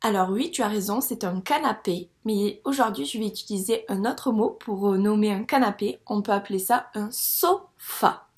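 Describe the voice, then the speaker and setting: A woman's voice: medium pitch, darkish tone. A woman teacher giving a patient phonics lesson to a young child and sounding out words syllable by syllable. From France. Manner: slow, patient, drawn-out syllables. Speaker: first-grade teacher.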